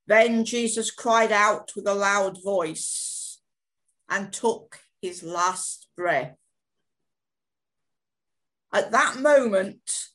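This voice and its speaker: Slow, deliberate female narrator. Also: mid-range voice. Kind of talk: scripted scripture narration.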